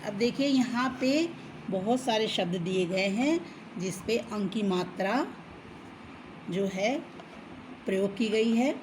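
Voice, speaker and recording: Patient lady teacher for kids, talks super slow, stretches words out, lil bit of hiss. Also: medium pitch. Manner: slow, drawn-out syllables when reading words aloud; patient explaining, often checks with "theek hai". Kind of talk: children's Hindi alphabet lesson.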